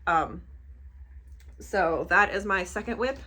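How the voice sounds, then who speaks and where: A woman's voice: medium pitch, takes it slowly, pushed and bright. A young adult woman hosting a casual crafting podcast, rambling with many fillers and small laughs as she shows her projects. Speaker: podcast host. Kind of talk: casual crochet podcast chat.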